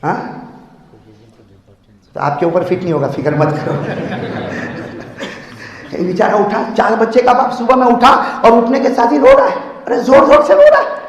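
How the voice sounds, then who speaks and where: A man from India delivering a sermon in a mosque, his voice sitting unusually high for a man. He jumps from loud, fired-up exhortation to quiet, drawn-in storytelling and keeps prodding the crowd to answer back. The sound rings around a big hall with a long, lingering echo. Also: pauses often, dull audio. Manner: animated, swinging between shouted exhortation and hushed storytelling; jokes and calls on the congregation to answer aloud. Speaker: preacher. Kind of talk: mosque sermon with humorous stories.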